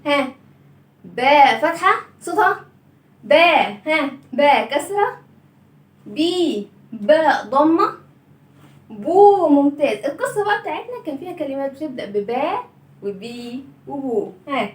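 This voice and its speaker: An Egyptian woman teaches small children their letters, stretching each sound and prompting them with questions. Her voice sits high and bright. The room rings with echo, and she stands a little back from the mic. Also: animated, distant mic. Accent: Egyptian Arabic. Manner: patient, drawn-out sounding of letters with call-and-response questions. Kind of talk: children's lesson.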